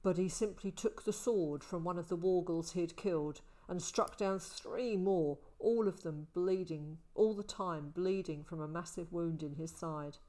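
A woman reading the part of a calm older male ranger, speaking quietly and soberly. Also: on the low side, a little slow, few pauses, natural voice. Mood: storytelling.

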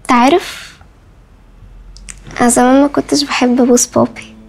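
An actress with an Egyptian accent playing a sharp-tongued, cheeky young woman in a TV drama. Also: high-pitched, level tone, fairly quick. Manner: whiny, cheeky teasing. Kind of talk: TV drama acting.

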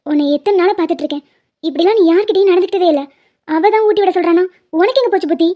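A woman's voice: very high voice, rapid-fire. A woman voicing a bossy young college student who lectures her friend in a cartoon. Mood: scolding. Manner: scolding, lecturing. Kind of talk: animated cartoon voice acting. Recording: dull lo-fi sound.

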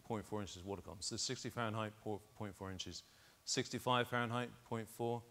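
A middle-aged man speaks from a big conference stage through a lapel mic. His voice sits on the low side, and he explains his test results patiently, point by point. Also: brisk, a bit bright, a little hiss or hum. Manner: explanatory, walks through data step by step. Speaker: keynote speaker. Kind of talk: conference keynote presentation.

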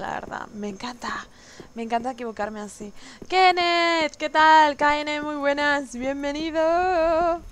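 Brief: high-pitched, animated woman streamer, exclaiming chatter, noisy home stream audio. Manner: excitable, exclaiming and chatting with viewers. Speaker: gaming streamer. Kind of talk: let's play commentary.

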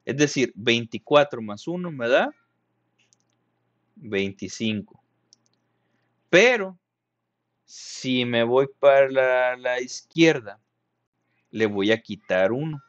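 Slow patient teacher. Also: male voice, medium pitch, lively intonation, no echo, muffled recording. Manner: slow, patient explaining with questions to pupils. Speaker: primary school teacher. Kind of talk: recorded math lesson for children.

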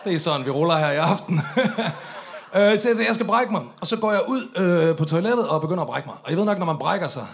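A man's voice: fairly high pitch, lively intonation. A man performing a stand-up story on stage, swearing freely and acting out the drunk voices of the people in it. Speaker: comedian telling a story on stage.

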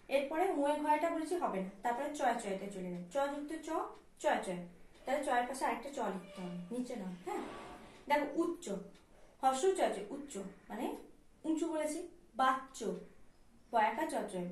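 Patient Bengali teacher in an echoey room. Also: female voice, fairly high pitch, distant mic, slight background noise. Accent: Bengali (West Bengal). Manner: slow, patient, spelling words out letter by letter and often checking "all right?". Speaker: primary school teacher. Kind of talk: recorded class lesson.

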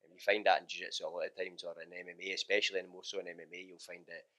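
A man in his thirties with a very deep voice, rattling through his answers at speed. His delivery stays flat, loose and full of restarts. He is recorded on a handheld mic in a small room at a gym. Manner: quick, relaxed, many fillers and restarts. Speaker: MMA fighter and coach. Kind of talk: post-training interview. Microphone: handheld mic held close.

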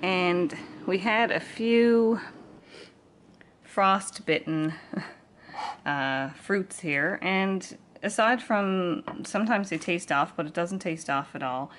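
A middle-aged homesteading vlogger films herself on a handheld camera in her home kitchen, chatting casually and plainly explaining each step. Her fairly low voice has lively intonation and a bit of brightness, and she takes her time. There is slight background noise.

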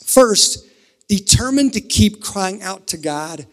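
A man from Kentucky preaching a sermon at a pulpit microphone, earnest, shifting between emphatic and hushed. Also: high voice, expressive, slow. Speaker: pastor. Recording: reverberant sanctuary, pulpit mic.

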